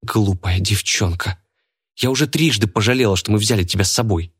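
A man's voice: lowish voice, lively intonation, rapid-fire, breathy edge. A man voicing a spiteful, scheming woman who charms snakes, speaking in a contemptuous, snapping manner.

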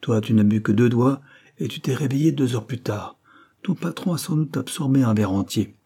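A man's voice: mid-range voice, moderate pace, mellow, husky. A man reading aloud, voicing a confident male detective who speaks in a reassuring tone. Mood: assured. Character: calm, assured male detective.

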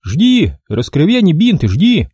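A man voicing a brash, crude prankster sidekick who jokes loudly and mockingly in an audiobook. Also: high-pitched, wildly swooping pitch, unhurried, husky, dry recording, pitched above the performer's own voice, full character voice. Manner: mocking, cheeky, loud.

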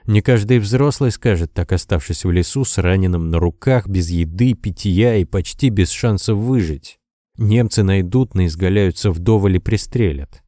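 Deep-voiced male audiobook narrator. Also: normal speed, dry recording, studio quality. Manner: steady, even storytelling. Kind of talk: scripted narration.

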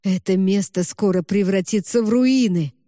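A woman voicing a gentle young male ghost saying farewell, softly and tenderly. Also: mid-range voice, normal speed, no room sound, clean studio sound, lightly acted. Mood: urgent.

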